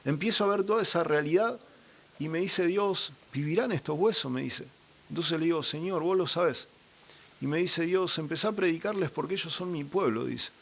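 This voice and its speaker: A man's voice: a little high, brisk, gravelly, a bit bright. Earnest young man. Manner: earnest storytelling, acts out quoted dialogue. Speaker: guest giving a faith testimony. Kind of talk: personal religious testimony.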